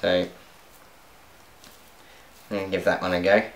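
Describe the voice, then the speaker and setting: This young man's voice sits low, with a level tone and an unhurried pace. He's a cooking vlogger giving casual commentary while cooking at home, talking to viewers and laughing at his own slip-ups. The kitchen is echoey, pans faintly clattering.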